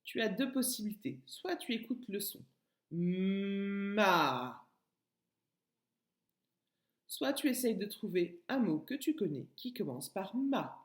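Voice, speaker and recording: A woman's voice: mid-range voice, lively intonation, moderate pace, hardly any pauses, a little mellow, reverberant. A woman teacher giving a recorded lesson to young children, speaking patiently and addressing the child directly. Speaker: kindergarten teacher.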